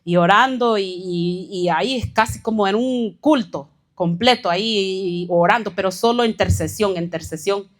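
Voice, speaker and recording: A woman's voice: medium pitch, moderate pace, few pauses. Woman pastor telling her testimony. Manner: earnest storytelling with warm laughs and acted-out quotes. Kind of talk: testimony sermon. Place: church.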